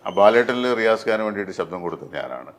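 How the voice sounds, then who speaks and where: Hesitant middle-aged man, low voice. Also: very animated, fast. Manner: hesitant, many fillers and restarts. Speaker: dubbing artist. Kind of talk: interview conversation.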